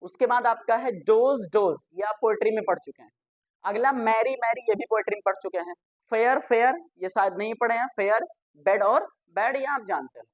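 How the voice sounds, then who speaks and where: A fairly high-voiced woman teacher runs a classroom grammar lesson. She spells each word out letter by letter, then fires a question at the class and answers it herself, with a joke for the pupils now and then. The sound is dry and close, with no room echo. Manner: spells words out letter by letter and repeats them.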